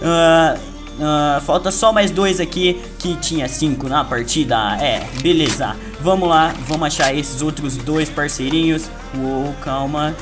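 Brazilian male gaming youtuber, boastful running commentary, slightly high voice, over loud game music. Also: unhurried. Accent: Brazilian Portuguese. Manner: playful, boastful, talks to viewers. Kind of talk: excited gameplay commentary. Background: loud game music and gunfire.

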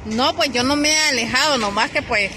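A woman's voice: high voice, fairly quick, low-quality recording. A woman with a Salvadoran Spanish accent, chatting casually as a vlog host behind the camera. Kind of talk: casual chat, interviewing on camera. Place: outdoors by a rural road and farmyard. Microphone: behind the handheld camera. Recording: bright outdoor phone audio, faint background noise.

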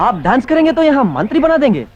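A man playing a village interpreter who flatly relays what others say. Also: very high voice, a little fast, dull audio. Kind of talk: film comedy acting.

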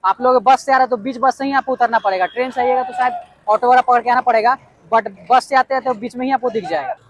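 A man's voice: very high-pitched, fairly even intonation, fast talker. A man from Bihar, vlogging outdoors at a building site. He sounds eager and hyped and keeps repeating his main points. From Bihar, India. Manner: eager and hyped, often repeats key points with "yes indeed". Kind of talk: on-location walkaround vlog.

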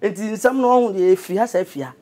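A man's voice: sits high, fast talker. Jokey Ghanaian man in his thirties. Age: 30s. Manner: jokey, animated, laughing often. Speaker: interview guest, radio presenter and producer. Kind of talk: casual interview chat.

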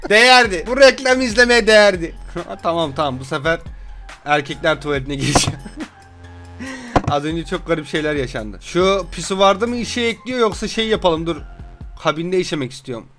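A young man commentating a game he is playing, excitable, joking and yelling at what happens on screen. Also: high-pitched, normal speed, over music. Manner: excitable, yells and jokes at the game. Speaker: gameplay commentator. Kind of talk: gameplay commentary.

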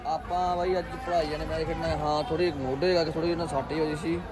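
A man's voice: fairly high pitch, little pitch movement, fast talker, over music. A man with a Malwa Punjabi accent chatting casually among teammates. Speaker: kabaddi player. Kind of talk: casual chat.

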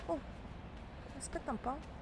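A woman in her 30s chats jumpily with viewers on a live stream while playing a game, laughing often. Her voice is darkish and unhurried, with a little hiss or hum in the audio.

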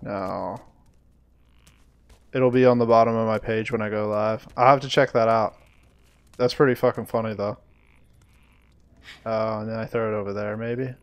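A man streaming a game live, chatting to viewers, easily frustrated, swearing and breaking into loud surprised outbursts. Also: on the low side, fairly even intonation, normal speed, pauses often, smooth. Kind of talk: live gameplay commentary.

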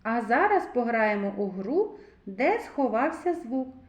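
A woman teaching a literacy lesson to preschool children in a slow, clear, sing-song teacher's voice. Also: a little high, big pitch swings, roomy sound.

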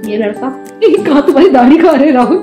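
A woman's voice: high-pitched, expressive, fast talker, dark tone, soft background music. A woman hosting a casual vlog, playfully cooing and baby-talking to her dogs. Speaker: vlog host. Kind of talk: casual vlog talk to camera and pets.

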